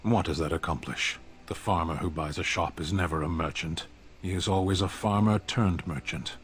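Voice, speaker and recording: Man voicing a very deep, stoic foreign warrior. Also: normal speed, natural voice. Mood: stern. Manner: terse, formal, deadpan. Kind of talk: video game character dialogue.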